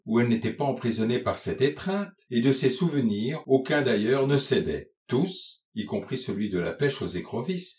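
A man narrating a literary novel aloud in a measured, expressive reading style. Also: mid-range voice. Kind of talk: audiobook reading of literary prose. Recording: roomy echo.

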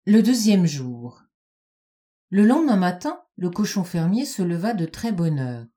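A woman narrating a children's storybook in a calm, even reading voice. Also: fairly low pitch, unhurried.

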